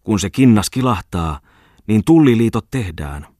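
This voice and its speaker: A man's voice: fairly low pitch, expressive, mellow, dry recording, studio quality, pitched above the performer's own voice. A man voicing a drunk male newspaper editor who fiercely declaims his own patriotic poem in an audiobook. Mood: fierce declaiming. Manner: pathetic, fiercely declaiming verse.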